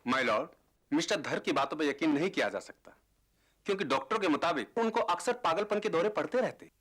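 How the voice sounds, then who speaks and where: An actor playing an opposing lawyer who argues formally and dismissively in court. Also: male voice, a little high, expressive, brisk, a bit bright.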